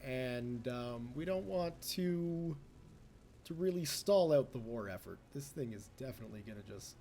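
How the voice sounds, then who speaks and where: Animated and warm, this medium-pitched young man speaks at a normal pace over slight background noise. As a let's play host whose first language is English, he chats aimlessly, pokes fun at himself, and speaks to the game.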